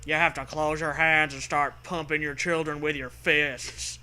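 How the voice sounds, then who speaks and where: The host's voice is a little high and sharp, with a level tone, normal speed and a clean sound, as he reads a choose-your-own-adventure story for comedy. He riffs casually with profane jokes and a theatrical flair.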